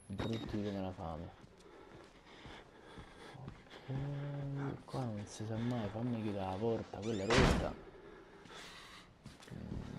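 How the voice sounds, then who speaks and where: A young man giving horror game commentary through a headset, jumpy and swearing at what he sees. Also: lowish voice. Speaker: gaming YouTuber. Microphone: headset earphones. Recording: audible background noise.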